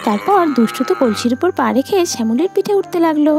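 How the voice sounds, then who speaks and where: A woman narrating a children's doll story in a brisk, simple way. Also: high voice, expressive, music in the background.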